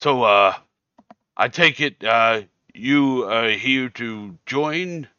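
A man voicing a boisterous, overfriendly leader of an anti-drink protest group, talking loudly and rambling. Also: mid-range voice, extremely slow, smooth, no room sound, lo-fi sound. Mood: eager.

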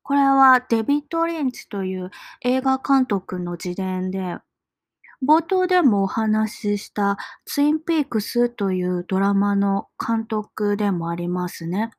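Slow, soft-spoken musing woman. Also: mid-range voice, animated, dry recording, studio quality. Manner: slow, musing, trails off into soft near-whispered asides. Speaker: solo podcaster. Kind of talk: casual reading-log monologue.

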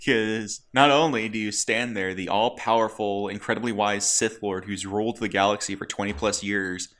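A man with a fairly low but bright, forward voice tells scenes in a relaxed chat. He gets animated as he goes and laughs between lines. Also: moderate pace. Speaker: co-host. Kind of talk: casual chat.

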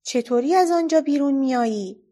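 Brief: timid anxious young girl voiced by a woman, pleading, slightly high. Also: lightly acted. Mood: worried. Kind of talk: storybook reading.

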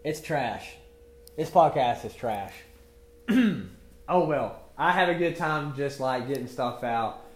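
A man's voice: mid-range voice, lively intonation, slow, roomy sound. A young man hosting his own podcast, talking alone in a rambling, candid way, full of slang like dude and bro. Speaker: podcast host. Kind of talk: casual solo podcast monologue.

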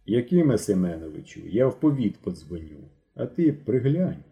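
A male reader voicing a stolid village militiaman who answers slowly and curtly. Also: fairly low pitch, very animated, dull audio. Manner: slow, curt, unhurried.

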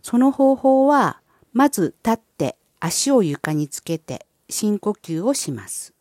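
Woman hosting a spiritual wellness explainer, polite n formal scripted delivery, warm mellow voice, dry sound. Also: medium pitch, big pitch swings, dry recording. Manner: polite, formal, measured phrasing. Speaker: host of a wellness and spirituality channel. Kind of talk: scripted explainer narration with guided visualization.

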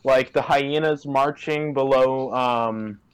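A man's voice: mid-range voice, takes it slowly, clean tone, low-quality recording. A man chatting casually on a call, rambling and hesitant, with many fillers and restarts. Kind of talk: casual chat. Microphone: remote call.

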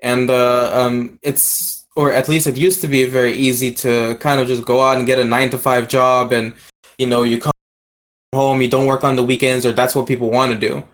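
A man's voice: medium pitch, level tone, moderate pace. A man with an Aruban accent reasoning things through in casual discussion, often repeating words as he starts a thought.

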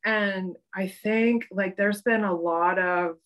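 A woman's voice: medium pitch, steady tone, takes it slowly, a bit bright. A woman in her forties from western Canada, a podcast guest talking casually and rambling with many fillers. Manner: rambling, many ums and likes, laughs often. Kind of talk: casual interview chat.

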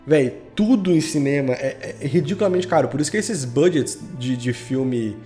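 A Brazilian man, an audio drama creator and editor, is a podcast guest in a casual interview, chatting with enthusiastic, slangy rambling. His voice is mid-range and mellow at a normal speed, with soft music in the background.

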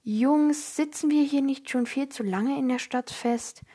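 A woman voicing a secretive mother who speaks softly and in a hushed way in a storybook reading. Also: high-pitched, measured pace, pitched above the performer's own voice. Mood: evasive.

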